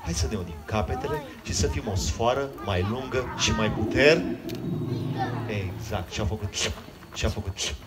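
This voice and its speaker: A man, a children's magician, telling a comic story on stage and teasing the audience. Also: fairly low pitch. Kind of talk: live comedic storytelling to a crowd. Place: outdoor stage at a water park. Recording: noisy live crowd.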